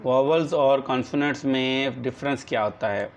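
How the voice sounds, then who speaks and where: A man teaching English grammar. He dictates definitions slowly and then explains them quickly in everyday speech. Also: mid-range voice, slight background noise. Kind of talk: classroom grammar lesson, mixing Urdu and English.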